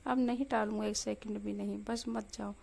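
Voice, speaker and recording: A woman's voice: mid-range voice, fairly even intonation, moderate pace, vocal fry, a little mellow. A woman voicing a desperate young husband, pleading frantically in a story reading.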